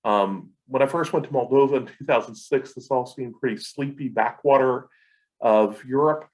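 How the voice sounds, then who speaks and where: A man's voice: mid-range voice, normal speed, darkish tone, poor audio. A man speaking casually in a vlog from his apartment, rambling with frequent ums and restarts. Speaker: vlogger.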